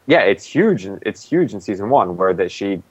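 A man chats casually about a TV episode, his pitch swinging up and down as he rambles with plenty of fillers. The recording is dry and a bit dull, with little room sound. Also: very animated, moderate pace, no room sound. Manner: loose and rambling, many "like" fillers. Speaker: podcast co-host. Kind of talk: casual TV recap chat.

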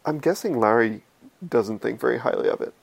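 A man with a gravelly, fry-tinged voice chats about a TV episode. He makes dry, wry remarks at an easy conversational pace. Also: mid-range voice, fairly quick. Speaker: podcast co-host. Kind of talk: casual TV recap chat.

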